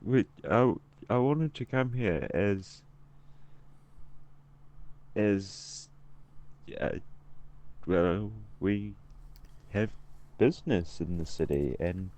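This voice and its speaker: A man playing a tabletop game, speaking in character in a halting way that stumbles over words. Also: lowish voice, animated, a little mellow. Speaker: player.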